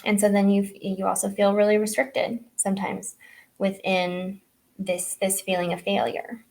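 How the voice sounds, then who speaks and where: A woman's voice: medium pitch, monotone, measured pace, gravelly, a little mellow. Chatty woman health coach, casual delivery. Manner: casual, with many fillers and "right?" tags. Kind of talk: live online training talk.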